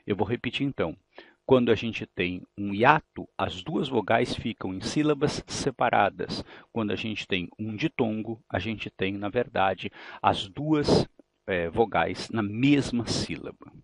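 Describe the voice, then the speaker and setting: Male teacher, Brazilian accent, gravelly tone, dry studio sound, explains step by step. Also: fairly low pitch, lively intonation, unhurried, no echo. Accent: Brazilian Portuguese. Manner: explanatory, asks rhetorical questions, repeats key points. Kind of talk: exam-prep grammar lesson.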